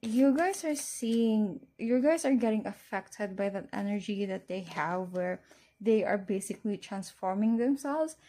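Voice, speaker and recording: A woman's voice: mid-range voice, warm tone. A woman giving a casual tarot reading, speaking to the listener as a fortune teller. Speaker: tarot card reader.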